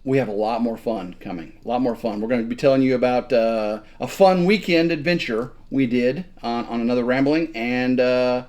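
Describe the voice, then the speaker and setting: A man's voice: medium pitch, moderate pace, hardly any pauses, darkish tone. A man in his fifties co-hosting a casual chat indoors at home, joking and rambling with repeated words. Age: 50s. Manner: jokey, rambling, stammers on repeats. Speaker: co-host.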